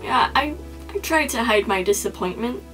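A woman's voice: fairly high pitch, lively intonation, normal speed, a bit bright, soft background music, poor audio. A young woman doing a mock-serious confessional vlog monologue, earnest and solemn, often restarting her sentences. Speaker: comedy vlogger.

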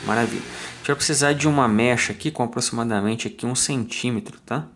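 A man with a Brazilian Portuguese accent explains fly tying step by step in a calm, methodical way, counting off each turn aloud. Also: medium pitch, fast, a little hiss or hum. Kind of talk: step-by-step tutorial narration.

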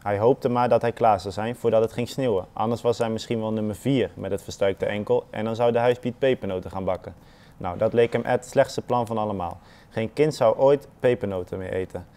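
Low, mellow man reading a children's story. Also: fairly even intonation, brisk, clean tone.

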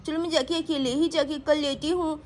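A woman's voice: high voice, fairly even intonation, moderate pace, slight background noise, lightly acted. A woman voicing a fussy young village girl who complains and insists.

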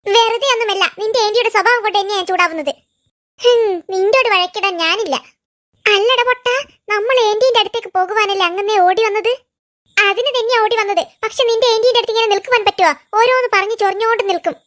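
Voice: fairly bright tone, no echo, studio quality. Someone doing a grumpy, snappy cartoon boy. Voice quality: high, childlike cartoon voice. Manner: irritable, quick snapping. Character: grumpy young boy who snaps at his auntie.

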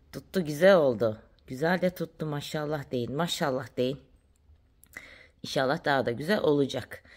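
A woman's voice: low-pitched, gravelly, a little mellow, no room sound. A woman chatting casually in a family vlog while driving and then at home, cooing at her pets. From Turkey. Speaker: vlogger mother.

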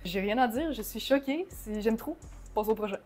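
A woman's voice: a little high, moderate pace. A young woman with a Québécois French accent chatting casually through a shopping haul vlog, slipping in English slang and swears. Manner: bursts of excitement. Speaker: vlogger.

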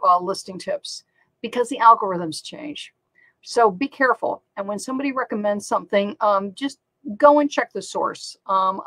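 A woman's voice: medium pitch, a bit bright, no echo, poor audio. A middle-aged woman hosting a channel on online selling, talking casually and upbeat with many fillers and repeated words. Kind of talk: casual talk to camera.

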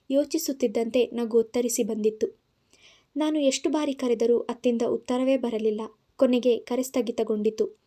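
Woman reading an audio story, kannada accent, mellow kinda high voice. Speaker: narrator.

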